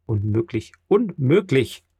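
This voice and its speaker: A man's voice: medium pitch, moderate pace, mellow, no echo, close to an everyday voice. A man voicing a careworn, disbelieving older merchant father in a read-aloud novel.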